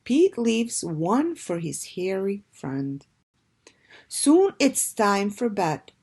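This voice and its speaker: In the style of a teacher speaking to young children, a woman reads a storybook aloud deliberately and with expression. Her voice is medium in pitch with a breathy edge.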